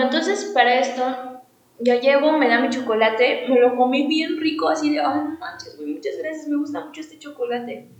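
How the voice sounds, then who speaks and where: High-voiced woman, chatty Mexico City host. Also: roomy sound, poor audio. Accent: Mexico City Spanish. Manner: rambling, slangy, lots of fillers. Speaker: podcast host. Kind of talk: casual personal storytelling.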